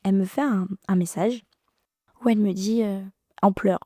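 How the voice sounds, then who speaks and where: Podcast guest, woman in her 30s, mellow voice, halting, emotional telling, dry close sound. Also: medium pitch, steady tone, dry recording. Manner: halting, emotional, many restarts. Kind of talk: personal storytelling.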